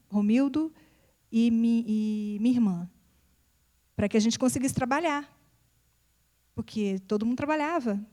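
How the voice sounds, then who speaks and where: A woman's voice: a little high, dark tone. A middle-aged woman, speaking to an audience about her own family, repeating words for emphasis and acting out bits of dialogue. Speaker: psychopedagogue and mother speaking at an event. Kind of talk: personal talk to an audience.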